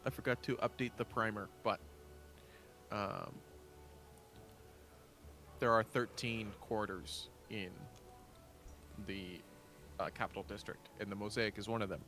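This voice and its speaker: A man running an online tabletop game as game master, halting with fillers and often laughing. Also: lowish voice, steady tone, bright, forceful tone, faint music behind.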